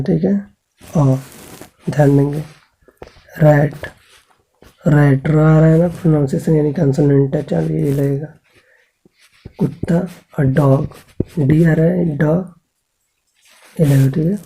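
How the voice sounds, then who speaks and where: A man's voice: on the high side, dark tone, breathy edge, rough recording. A man teaching an English grammar lesson to school students. He patiently spells out sounds, keeps checking in with the class, and asks questions that he then answers himself.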